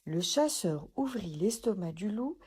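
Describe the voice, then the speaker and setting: A woman reading a children's storybook aloud, gentle and expressive. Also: on the low side, a little slow, breathy edge.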